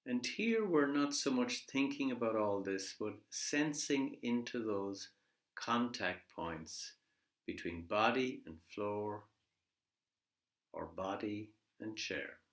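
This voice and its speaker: In an echoey room, a man with a lowish, animated voice guides a body scan meditation. He speaks in a measured, gently instructive manner and leaves pauses between phrases.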